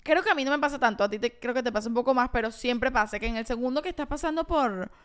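A woman with a high, smooth voice, co-hosting a podcast. She chats casually and teases her co-host. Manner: teasing, quick to laugh and push back. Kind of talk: casual chat.

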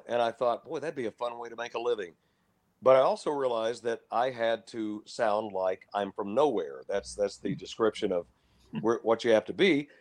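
An older man from Texas, a longtime basketball broadcaster, giving measured, opinionated answers as a guest in a casual interview, with no regional accent. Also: mid-range voice, a little mellow. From Lubbock, Texas.

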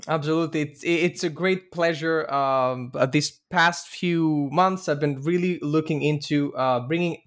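A man's voice: fairly high pitch, a little slow, hardly any pauses. A man hosting a podcast interview, introducing his guest and asking questions with stammered restarts and fillers. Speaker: podcast host.

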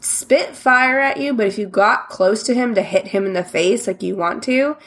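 A woman's voice: mid-range voice, normal speed, a bit bright. A woman chatting casually about video games, playful and giggly, with silly nicknames for things.

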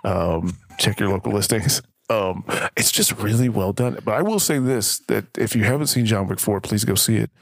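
Man, low voice, gravelly fry, dry close mic, casual podcast co-host, enthusiastic about films. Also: normal speed, hardly any pauses, no room sound. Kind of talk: casual movie chat.

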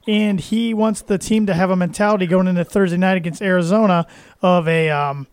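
A man with a notably high voice hosts a sports podcast in easy, chatty talk, full of friendly fillers. The sound is dry and close, with no room around it. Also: fairly even intonation, brisk, clear, resonant tone, no echo. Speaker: podcast host. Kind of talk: casual sports podcast chat.

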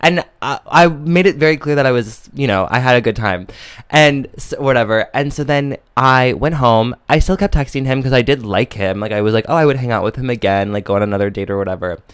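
A young man, telling a story in casual podcast chat, animated and camp, with many fillers. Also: mid-range voice, a little fast, clear, resonant tone, dry recording. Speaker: podcast co-host.

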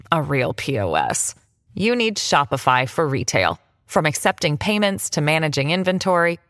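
A woman's voice: dry recording, clean studio sound. A woman reading an upbeat advertisement for a podcast sponsor. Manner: upbeat sales pitch. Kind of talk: ad read.

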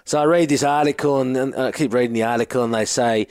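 Australian man, 40s, co-host; laid-back joking storyteller, mid pitch, dry recording. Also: fast, a little mellow, no echo. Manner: jokey yarn-spinner, says mate often. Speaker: co-host, former rugby forward. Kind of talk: casual chat, storytelling.

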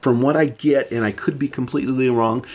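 A man's voice: mid-range voice, steady tone, a little fast, darkish tone. A man hosting a casual podcast chat, explaining at length with many restarts and fillers. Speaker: podcast host presenting the topic.

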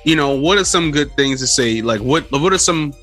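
A man with a bright, forward voice chats as an interviewer. He is candid and informal and repeats his phrases for emphasis. Faint music runs behind him. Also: a little high, lively intonation, normal speed. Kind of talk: casual conversational interview.

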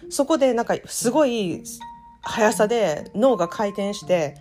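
A woman from Japan with a Kansai accent, hosting a casual solo podcast and telling self-deprecating stories in a chatty, animated way. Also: mid-range voice, unhurried, soft background music. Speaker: podcast host.

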